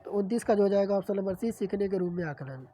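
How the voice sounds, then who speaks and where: A woman teacher with a sore throat steadily reads exam questions aloud and explains the answers, clearing her throat often. Her voice is medium-pitched and dark in tone, and she talks fast.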